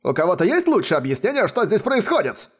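A man voicing an angry, blustering middle-aged male merchant who shouts indignantly. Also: high voice, huge pitch swings, fast, breathy edge, pitched above the performer's own voice, exaggerated voice. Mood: furious.

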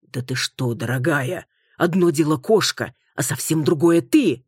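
A woman voicing a husband who makes soft, pleading excuses to calm his angry wife. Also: rumbling low, moderate pace, husky, no room sound, studio quality, exaggerated voice. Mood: placating. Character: evasive husband, man, placating.

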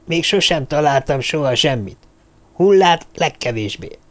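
A man reading a blustering old male dwarf leader, loud and demanding. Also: fairly high pitch, expressive, natural voice. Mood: gruff demanding. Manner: loud, demanding, bangs on the table.

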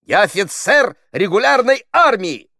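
A man's voice: medium pitch, expressive, normal speed, fairly bright tone, no echo, studio quality, pitched above the performer's own voice, natural voice. A man reading aloud, voicing a pompous army officer who barks orders while directing amateur actors. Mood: commanding. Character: bossy fussy male army officer directing a play.

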